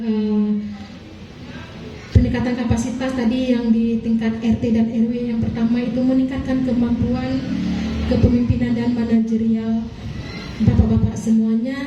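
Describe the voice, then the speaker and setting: Speaking at a training session for neighborhood leaders, an Acehnese woman delivers a formal address in a meeting hall, full of fillers and courteous apologies. Her fairly high voice has a dark tone; the audio is dull with slight hiss or hum, echoey, and picked up from far away.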